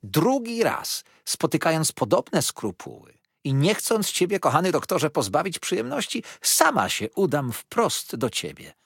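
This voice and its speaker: A man's voice: a little high, wildly swooping pitch, unhurried, vocal fry, breathy edge, dry recording, studio quality, voice pushed up, heavily acted. A man voicing a talkative, pushy old mother-in-law in an audiobook, gushing and insistent.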